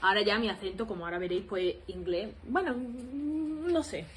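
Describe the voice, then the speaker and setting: Against slight background noise, a medium-pitched woman's voice speaks at a moderate pace. She's a Spanish vlogger in her twenties with an Andalusian accent, casually introducing her language vlog to the camera. She rambles, mocks herself, and fills her talk with laughs and fillers.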